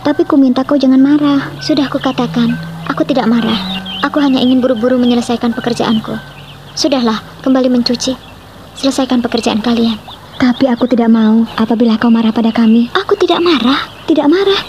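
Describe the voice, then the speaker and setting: A woman's voice: a little high, fast, darkish tone, a little hiss or hum, natural voice. An actress playing young village girls who plead with and tease a sulking friend in a radio drama. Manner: pleading and teasing. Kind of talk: Indonesian radio drama acting.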